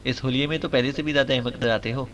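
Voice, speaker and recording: A man's voice: mid-range voice, fairly even intonation, a bit bright, lo-fi sound, slight background noise, lightly acted. A man voicing a middle-aged father, an official who talks in an amused, good-natured way. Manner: amused, then grave and sorrowful.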